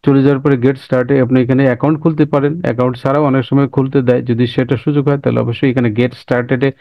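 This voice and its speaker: A man teaches a software class over a screen recording, repeating steps and often checking that listeners follow. His voice is gravelly and he talks fast. The sound is dry and dull. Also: medium pitch, little pitch movement, no room sound. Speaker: instructor.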